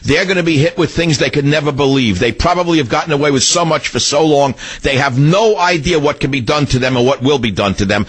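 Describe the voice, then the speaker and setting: Combative husky talk-radio host man. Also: fairly high pitch, quick pace, hardly any pauses. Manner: combative, sneering, rants in bursts. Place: radio studio.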